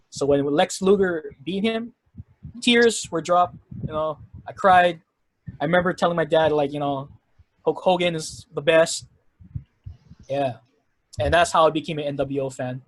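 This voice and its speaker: Guy in his 20s, kinda high and husky voice, rambly jokey podcast chat. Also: no echo, low-quality recording. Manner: rambling, self-correcting, joking. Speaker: co-host.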